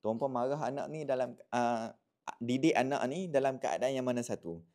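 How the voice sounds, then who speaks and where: A Malaysian-accented man speaks straight to camera, handing out parenting advice in a relaxed, chatty way. His voice sits at an ordinary middle pitch for a man. He keeps things lively, drops English words into his talk and checks in with his listeners as he goes. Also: normal speed. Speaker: parenting content creator.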